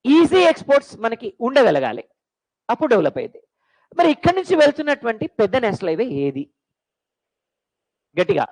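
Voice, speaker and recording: A woman's voice: fairly high pitch, wildly swooping pitch, brisk, pauses often, a little mellow, rough recording. Lady teacher, lecture for exam prep, voice jumps up and down a lot, keeps firing questions at the class. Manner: quizzing students with call-and-response questions; mixes English phrases into Telugu.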